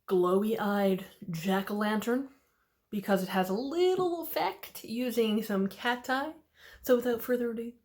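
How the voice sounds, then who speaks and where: Slow, playful Canadian woman hosting. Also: medium pitch. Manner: chatty and playful, jokes and silly sounds. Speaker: nail art channel host. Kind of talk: casual tutorial chat.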